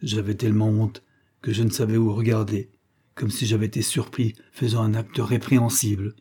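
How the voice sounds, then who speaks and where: A man reading a literary story aloud as an audiobook narrator, in a measured, grave way. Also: on the low side, level tone, mellow, husky. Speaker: audiobook reader.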